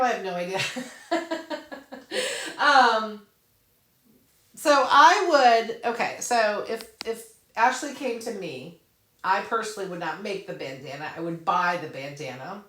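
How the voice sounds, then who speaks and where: Her voice is mid-range and a little bright. She's an English-speaking woman running a relaxed live craft Q&A, fielding viewer questions, musing out loud as she shows things on her computer screen, and laughing frequently, all captured with roomy echo from a slight distance to the mic.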